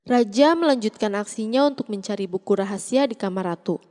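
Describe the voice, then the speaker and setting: A woman's voice: medium pitch, fairly quick, long reverb tail, over music. A woman reads a scripted story recap as the narrator. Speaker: narrator recapping a drama series.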